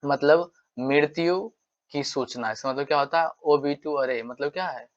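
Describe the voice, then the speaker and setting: A man's voice: a little high, normal speed. A male English teacher giving a casual exam-prep lesson, repeating himself and checking in with tag questions. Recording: dull lo-fi sound.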